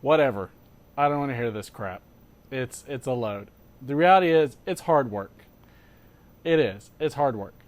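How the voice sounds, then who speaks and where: A man hosting a casual show, chatting as an animated storyteller with sarcastic asides, emphatic repetition and rhetorical questions. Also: medium pitch, normal speed, pauses often. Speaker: host of a pipe-smoking show. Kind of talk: casual chat.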